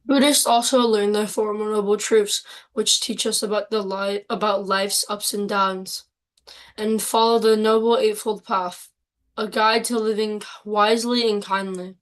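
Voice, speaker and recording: A woman's voice: medium pitch, steady tone, unhurried. A woman reading a prepared lesson aloud as a student presenter. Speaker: student presenter and quiz asker. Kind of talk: reading a prepared class talk.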